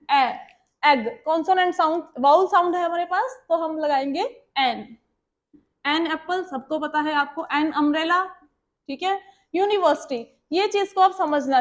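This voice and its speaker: A woman with an Indian accent, a Hindi speaker, teaching a grammar lesson and explaining step by step while often checking that the class understands. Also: extremely high pitch.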